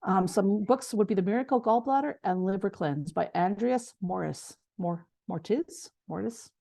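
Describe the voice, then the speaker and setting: A woman leads a casual online class in a soft, mellow voice. She talks with passion and runs on, often tripping over her words and starting again. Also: medium pitch, moderate pace, gravelly. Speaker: essential oils class co-teacher.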